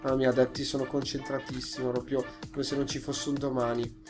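A man giving playful gameplay commentary, excitable and jokey, yelping and groaning at setbacks. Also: mid-range voice, fairly quick, over music. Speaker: gaming YouTuber.

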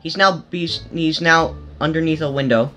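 A man hosting a gaming channel, giving casual commentary while playing, excitable and yelping in fights. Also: on the high side, moderate pace, faint music behind. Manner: excitable, yelps during fights.

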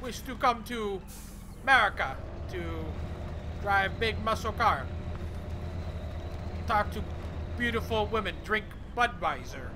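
A jokey Russian-accented guy with clipped, broken English, pitched up and loud, as a gamer puts him on. His delivery is broad and exaggerated. Engine rumble from the game sits clearly underneath. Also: lively intonation, takes it slowly, pauses often. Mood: playful. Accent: put-on Russian accent. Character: mock Russian man dreaming of America. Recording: game engine noise behind.

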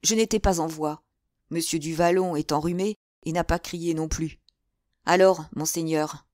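A woman's voice: low-pitched, steady tone, normal speed, a little mellow, no room sound, studio quality, natural voice. A woman voicing a bold, cool-headed musketeer officer in an audiobook, brash and emphatic. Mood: wry.

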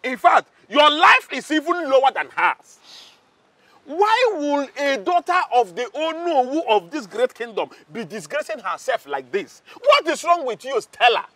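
An actor with a Nigerian accent playing a pompous, hot-tempered palace guard who is loud and scornful. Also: male voice, extremely high pitch, sing-song, moderate pace, hardly any pauses, no room sound. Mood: angry scornful.

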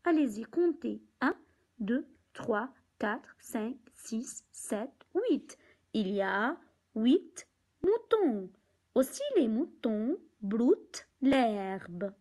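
Her voice slightly high and sing-song with a dark tone, a woman guides young children through a picture book at a slow, deliberate pace, repeating words and counting aloud. The recording is rough.

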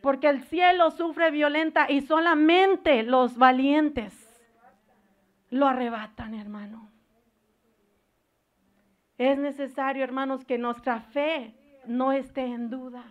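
A woman preacher giving a fervent sermon, pausing to search for words and building into loud exhortation. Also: high-pitched, steady tone, muffled recording. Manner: searches for words aloud, slips into English words.

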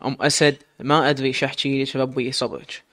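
A man reading a gentle matriarch. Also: mid-range voice, little pitch movement, quick pace, close to an everyday voice. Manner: gentle, sympathetic. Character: kind older matriarch, sheikh's mother.

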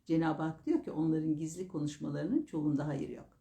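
A woman preacher giving a sermon that explains Quran verses, chanting the Arabic lines slowly and then explaining them calmly. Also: deep voice, reverberant. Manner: addresses listeners as dear brothers and sisters.

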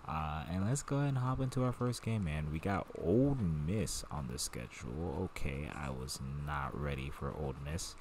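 Deep-voiced laid-back gaming host. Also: male voice, animated, normal speed, darkish tone, slight background noise. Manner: laid-back, slangy, chatty. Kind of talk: casual gameplay commentary.

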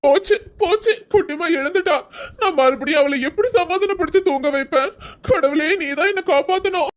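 A woman voicing a doting, soft-hearted young husband in a cartoon serial, coaxing and soothing with baby talk. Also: very high-pitched, a little fast.

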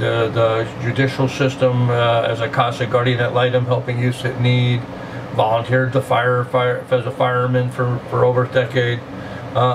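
A man in his sixties with a grandfatherly, unhurried way of talking, speaking casually and reading poetry to camera in a small room. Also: medium pitch. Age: 60s. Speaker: host of a reading channel. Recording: distant mic, clear air-conditioning hum.

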